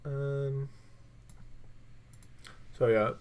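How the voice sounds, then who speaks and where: A man's voice: medium pitch, fairly even intonation, very slow, lo-fi sound, a little hiss or hum. A man coaching through a gameplay review, blunt and profane, with lots of fillers. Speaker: game coach.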